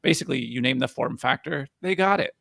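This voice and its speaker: A young man with a very gravelly, husky voice co-hosts a casual health podcast. He explains science in plain, easygoing words and laughs easily. The sound is dry and close. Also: medium pitch, quick pace, fairly bright tone, no echo. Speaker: podcast co-host, physician.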